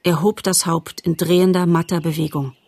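Husky-voiced woman narrating a story. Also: fairly low pitch, steady tone, normal speed, a little mellow, no echo. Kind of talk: audiobook narration.

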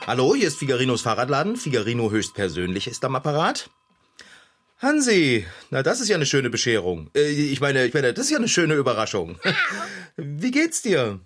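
Guy doing a happy-go-lucky bike repair dude in a kids radio play, husky, voice jumps all over. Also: moderate pace. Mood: excited. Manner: excitable, swoops wildly in pitch. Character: cheerful, optimistic male bicycle repairman. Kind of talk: children's radio play acting.

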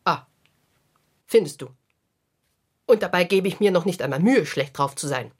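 A woman's voice: on the low side, expressive, moderate pace, husky. An actress playing a grumpy, gloomy female clown in a children's radio play, talking in a sulky, self-pitying way. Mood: glum.

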